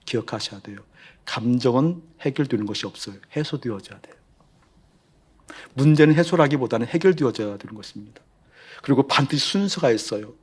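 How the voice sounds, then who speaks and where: Fast-talking husky male pastor. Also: mid-range voice, a little mellow. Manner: conversational preaching, repeats phrases for emphasis; asks the congregation rhetorical questions. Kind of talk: sermon.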